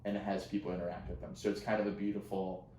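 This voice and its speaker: A man with a fairly low voice trades crude, wry jokes in casual podcast chat. He sits a little back from the mic in an echoey room, with a faint ambient hum behind him. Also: flat delivery, very fast, mellow, far from the mic. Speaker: podcast co-host.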